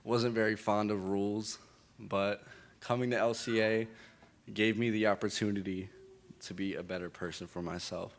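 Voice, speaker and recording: A man's voice: lowish voice, fairly even intonation, moderate pace. A young man graduating, giving a short, plain and sincere thank-you speech.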